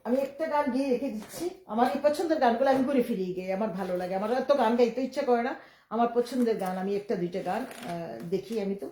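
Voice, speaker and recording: A woman's voice: on the high side, dark tone, a little hiss or hum. Emphatic woman, roomy echo. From Bangladesh. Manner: emphatic, quick and defiant, with many restarts. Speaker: livestreamer. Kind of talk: rambling live-stream monologue. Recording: echoey room.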